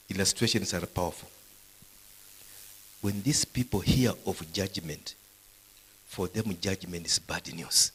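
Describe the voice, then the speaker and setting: A man's voice: low voice, a bit bright, breathy edge, rough recording. A man preaching a live sermon to university students, quizzing the audience with questions as he goes. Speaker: pastor. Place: university gathering.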